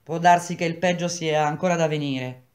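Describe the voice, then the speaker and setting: A woman voicing a weary male builder and strike leader who speaks in a grave, measured, brooding way. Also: sits low, fairly even intonation, a little mellow, natural voice. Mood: grim.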